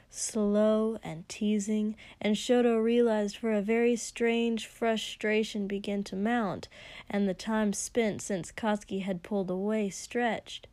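A woman narrating an intimate story in a slow, hushed, breathy way, sometimes dropping into a whisper. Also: mid-range voice, dry recording. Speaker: audiobook reader. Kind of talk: intimate fan fiction reading.

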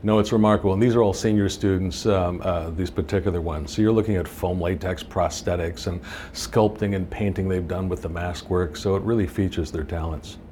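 A man's voice: sits low, steady tone, fairly quick, dark tone. A middle-aged man giving casual explanations as an interview guest in a school hallway. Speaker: makeup department head, interview guest. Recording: background noise in hallway.

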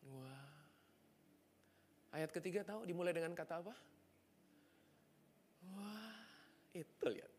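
A man's voice: sits high, animated, a little slow, long pauses, a little hiss or hum. A male pastor preaching a sermon, throwing rhetorical questions at the congregation and slipping in casual, joking asides. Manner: jokey, casual slangy asides.

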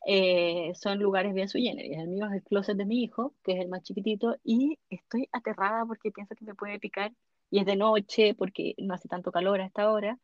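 A woman from Venezuela and Chile co-hosts a homemade podcast at night from a small closet at home, chatting casually and laughing often. Her mid-range voice is brisk with fairly even intonation. The recording is dry, with the highs cut off.

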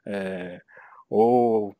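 A man hosting a casual conversation, talking in a relaxed way with frequent tag questions. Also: on the low side, drawn-out words, no room sound.

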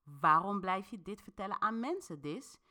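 A woman's voice: mid-range voice, lively intonation, moderate pace, pushed and bright. A woman voicing a stern restaurant waiter who tells guests to leave. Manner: curt, firm.

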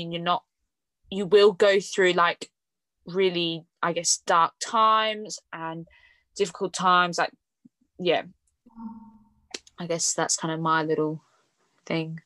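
A young woman talks in a casual podcast chat, her voice sitting on the lower side. The sound is dry and close, with no room around it. She rambles easily, full of fillers and quick laughs. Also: a bit bright, no echo. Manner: chatty, fillers like "like" and "um", laughs often. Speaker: podcast host.

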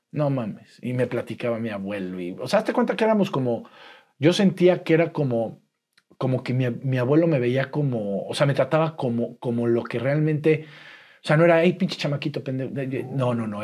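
A man's voice: medium pitch, breathy edge. Mexican man telling a casual story. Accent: Mexican Spanish. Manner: colloquial, profane, animated storytelling with frequent restarts. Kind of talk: casual storytelling in a podcast chat.

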